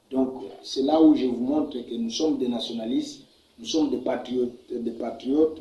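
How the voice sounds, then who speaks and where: In a medium-pitched, dark-toned voice, a Congolese-accented political leader from the Democratic Republic of the Congo answers an interviewer forcefully, repeating words. The recording sounds echoey and muffled, with faint noise behind him.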